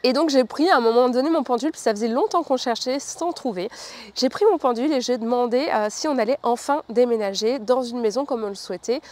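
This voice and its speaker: Woman from France, 30s, relaxed chatty vlogger telling a personal story, often hesitant, speaks softly at times. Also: quick pace. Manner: chatty, many fillers, lowers her voice at times. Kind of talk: casual storytelling to camera.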